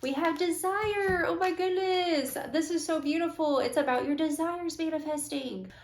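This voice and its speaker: A woman's voice: very high voice, normal speed, roomy sound. A young woman giving a casual, slangy, affirming tarot reading to her viewers. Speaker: tarot reader.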